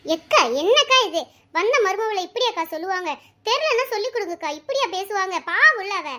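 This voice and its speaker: A woman voicing a motherly neighbour who soothes and gently scolds a quarrelling family. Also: very high-pitched, expressive, fairly quick, full character voice. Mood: coaxing.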